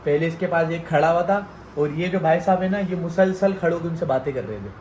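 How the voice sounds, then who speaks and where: A man's voice: on the high side, a little fast, a crowd in the background. A man from Pakistan with a Karachi Urdu accent, a father lecturing and scolding his children in a casual family vlog. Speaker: vlogger and father.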